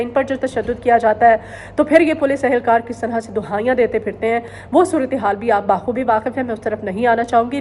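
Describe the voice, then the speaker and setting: Female news commentator from Pakistan, pitched a little high, earnest, hesitant fillers, repeats phrases for emphasis, faint noise underneath. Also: darkish tone. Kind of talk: current-affairs news commentary.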